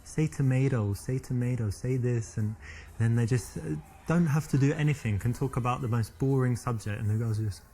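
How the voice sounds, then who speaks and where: A man's voice: mid-range voice, normal speed, warm tone, lightly acted. A man playing a cocky British charmer. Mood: smug. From England. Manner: boastful, rambling, self-assured. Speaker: dating coach and player character.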